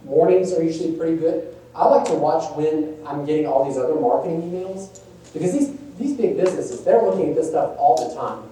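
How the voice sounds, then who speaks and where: Giving a workshop at a nonprofit conference, a man talks conversationally and casually with plenty of fillers. His voice is slightly high, a bit fast and dark-toned, and the recording from a distant mic in a large echoey room carries slight background noise.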